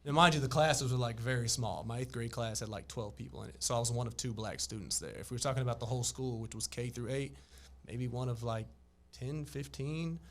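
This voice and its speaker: A man's voice: medium pitch, a little fast, a little hiss or hum. A young man from Texas, earnestly telling his own story in a casual podcast chat. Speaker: podcast co-host.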